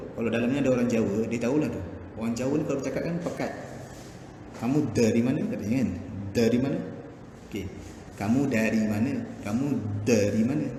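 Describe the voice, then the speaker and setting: A male Quran teacher with a Malaysian Malay accent explains recitation rules patiently and chants verses slowly to show them. His voice carries a strong echo with a long reverb tail, as if in a hard-walled hall. A clear layer of background noise sits under the speech. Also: medium pitch, mellow. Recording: echoey room with background noise.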